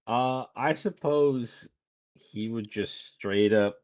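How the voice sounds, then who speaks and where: A man's voice: mid-range voice, slow pace, darkish tone, muffled recording. A man playing a tabletop game, speaking in a laid-back, easygoing way. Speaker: player.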